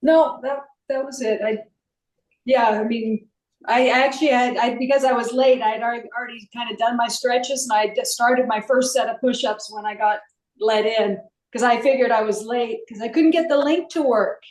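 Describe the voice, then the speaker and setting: A woman with a slightly high voice speaks casually as a class participant. Her audio is strongly echoey, like an online call from a reverberant room. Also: fairly even intonation, normal speed, a little mellow. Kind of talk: casual chat.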